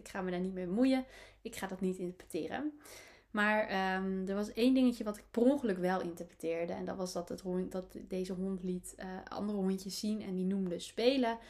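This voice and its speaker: A woman's voice: medium pitch, a little mellow. Woman, animal-coach podcast host; casual solo monologue with plenty of "ehm" and restarts. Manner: reflective, many fillers and restarts.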